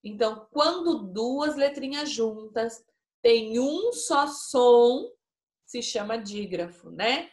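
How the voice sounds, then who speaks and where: A woman teacher with a Brazilian Portuguese accent giving a recorded lesson to young pupils, explaining slowly and patiently and often checking that they follow. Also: fairly high pitch, expressive, a little mellow. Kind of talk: recorded remote class lesson. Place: classroom with a whiteboard. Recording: echoey room.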